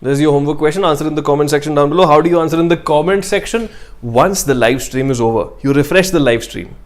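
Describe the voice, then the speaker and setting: A man's voice: a little high, fast talker. A man with a North Indian accent teaching a casual live online class, speaking English sprinkled with Hindi phrases and addressing students directly. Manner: addresses students directly with short check-ins. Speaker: online exam-prep chemistry teacher.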